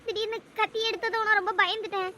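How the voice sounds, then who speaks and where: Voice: very high voice, level tone, fast, sharp tone, no echo, exaggerated voice. A performer voicing a frightened young college woman in a cartoon, polite and pleading. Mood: tearful. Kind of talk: cartoon voice acting.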